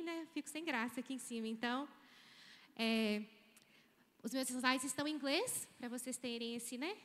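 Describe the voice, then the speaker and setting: Speaking into a handheld microphone in a big auditorium, a nursing professor in her thirties from Minas Gerais delivers a guest keynote in Mineiro Brazilian Portuguese. Her voice is high-pitched, and her style is chatty and informal, with lots of tag questions. The hall's reverb is audible.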